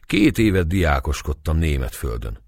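A man's voice: extremely low pitch, very animated, gravelly, a little mellow, no room sound, clean studio sound, heavily acted. A man reading aloud and voicing a humble village priest who speaks mournfully. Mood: sorrowful.

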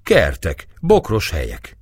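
A man's voice: sits low, wildly swooping pitch, breathy edge, no echo, clean studio sound, exaggerated voice. Scared male servant, trembling, timid, short answers, voiced by a man. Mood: fearful. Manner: shaky, timid replies.

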